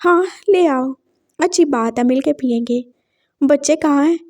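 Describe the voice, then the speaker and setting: A gentle, trusting middle-aged father in a read-aloud story, voiced by a woman narrator. His lines come out high-pitched and reassuring. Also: moderate pace, close to an everyday voice. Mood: cheerful.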